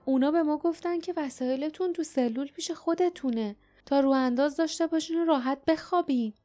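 Woman reading as a timid young girl, high and fearful, hesitant delivery, storybook. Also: a little mellow, faint music behind, close to an everyday voice. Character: frightened young female city girl.

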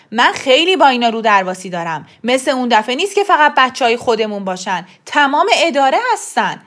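A woman voicing an angry middle-aged father who scolds his wife in loud, harsh outbursts. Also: on the high side, pitched above the performer's own voice. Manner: shouting angrily, scolding.

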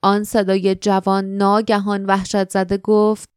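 A woman narrating an audiobook in a steady, literary storytelling manner. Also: medium pitch, clear, resonant tone, dry recording, clean studio sound. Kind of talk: scripted narration.

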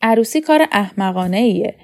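A woman's voice: mid-range voice, lively intonation, close to an everyday voice. A woman voicing an outspoken teenage girl in a storybook reading, speaking emphatically and scoffing.

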